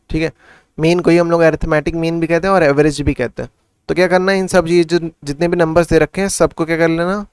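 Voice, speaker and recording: Maths tutor, male, slightly high crisp voice, talks through sums in Hindi-English, dry close recording. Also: no echo. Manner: asks and answers his own questions. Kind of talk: casual classroom explanation.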